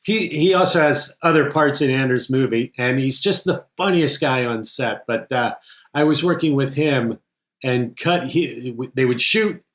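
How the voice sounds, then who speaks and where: In an echoey room, a man who edits films tells anecdotes in a relaxed interview, voicing what people said. His voice sits in the mid-range with a fairly bright tone, and he takes his time while still sounding keen.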